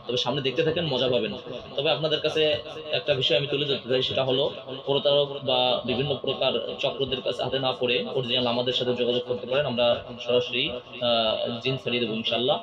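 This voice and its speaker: Speaking quickly in a level, medium-pitched voice, a male exorcist faith healer loudly interrogates and preaches during a ritual. He is confrontational and insistent, asking the same questions over and over. The audio's high frequencies are cut off.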